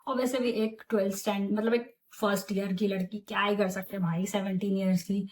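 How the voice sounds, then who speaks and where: A young adult woman telling a story in a casual vlog, chatty and animated, with English words mixed into her talk. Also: mid-range voice, fairly quick. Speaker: vlogger.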